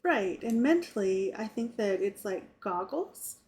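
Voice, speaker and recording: Relaxed woman recapping a game casually. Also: medium pitch, a little slow. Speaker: tabletop game player recapping a session. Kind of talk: casual chat.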